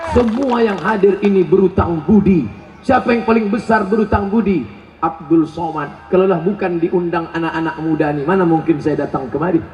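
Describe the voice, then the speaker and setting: A high-pitched man preaches a joking, animated sermon, firing shouted questions at the crowd. His voice rings through an echoey hall on a dull, lo-fi recording with faint background noise. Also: a little fast. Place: large event hall.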